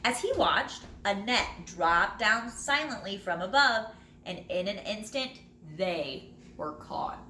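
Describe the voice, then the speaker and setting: Reading an animated children's storybook to pupils, a bright-voiced woman teacher with a mid-range voice tells the tale dramatically and expressively, stretching out her phrases. A roomy echo and light background noise come through.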